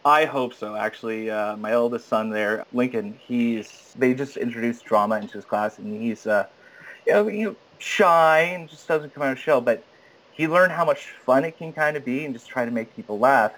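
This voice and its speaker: A man in his thirties, an actor chatting as an interview guest, animated, laughing often and slipping into voices. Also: medium pitch, moderate pace, poor audio. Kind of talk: casual interview chat.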